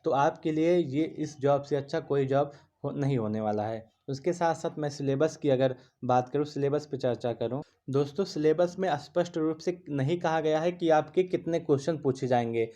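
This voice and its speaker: Speaking at a moderate pace with few pauses, this man has a fairly high, mellow voice. He teaches exam aspirants in a casual lesson, earnest and repetitive, frequently breaking off and restarting words partway through.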